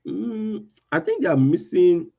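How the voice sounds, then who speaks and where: A man hosting a casual football chat in a tinny voice with no bass, hesitant and full of fillers and restarts. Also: big pitch swings, measured pace, mellow, breathy edge. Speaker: podcast host. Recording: thin lo-fi audio lacking bass.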